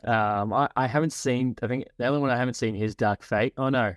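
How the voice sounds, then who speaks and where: Male podcast co-host, mid-pitched, casual and animated, acts out quotes, dry close mic. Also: a little fast, dry recording.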